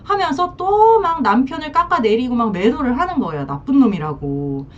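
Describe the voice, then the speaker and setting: Woman counselor, emphatic advice monologue, lively intonation, slightly distant mic. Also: high-pitched, normal speed, lo-fi sound, slight background noise. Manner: animated, emphatic storytelling. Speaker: marriage and divorce counselor.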